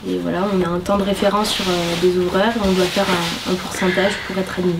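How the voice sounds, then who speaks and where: A woman's voice: fairly low pitch, level tone, fairly quick, heavy background noise. A young woman from Val d'Isère, a ski instructor trainee, speaking casually and earnestly in a documentary interview. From Val d'Isère, France.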